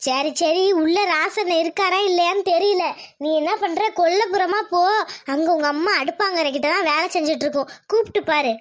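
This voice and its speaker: A woman's voice: extremely high pitch, brisk. A woman voicing a bossy older village woman in a cartoon, scolding and coaxing.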